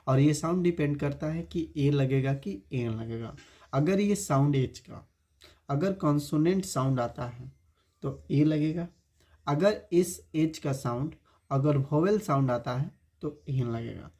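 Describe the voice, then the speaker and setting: A male teacher runs an online spoken-English lesson, slowly spelling words letter by letter and testing viewers with rhetorical questions he repeats. His voice is a little high and mellow.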